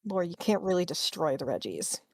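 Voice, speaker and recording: A woman's voice: fairly low pitch, big pitch swings, a little fast, creaky, a little mellow, no room sound. A woman playing a tabletop game, chatting casually, laughing easily and explaining game lore. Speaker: player.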